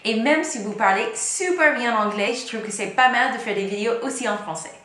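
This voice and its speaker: A woman's voice: fairly high pitch, fairly quick, bright, forceful tone. A young woman from the United States with a strong American accent, a native English speaker, chatting casually to camera as a vlogger and stringing her thoughts together. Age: young adult. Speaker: YouTube vlogger. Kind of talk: casual direct-to-camera vlog. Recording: echoey room.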